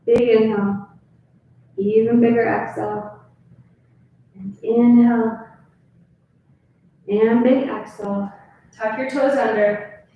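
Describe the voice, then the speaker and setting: A woman's voice: a little high, steady tone, slow pace, long pauses, highs cut off. Breathless woman pilates instructor, echoey studio. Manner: counts reps and cues breathing while demonstrating. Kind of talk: live online workout class. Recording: very echoey room with faint noise.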